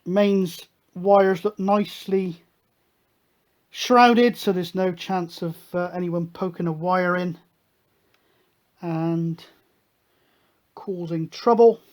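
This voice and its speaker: A man's voice: high voice, fairly even intonation, slow, pauses often, darkish tone. A British man hosting a hobby electronics video, talking through a hands-on demonstration in a chatty, matter-of-fact way.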